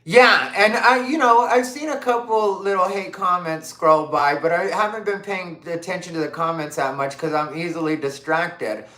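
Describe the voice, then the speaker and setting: This Arizona livestream host speaks at a moderate pace with hardly any pauses, her fairly low voice a bit bright and the room reverberant. Chatting casually, she reads comments aloud and fires off emphatic rhetorical questions packed with fillers.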